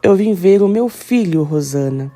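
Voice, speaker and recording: Uma mulher lendo as falas de um imigrante italiano teimoso, com tom firme e insistente. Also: female voice, lowish voice, animated, measured pace, warm tone, soft background music. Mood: firm. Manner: firm, insistent. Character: stubborn Italian immigrant man, firm.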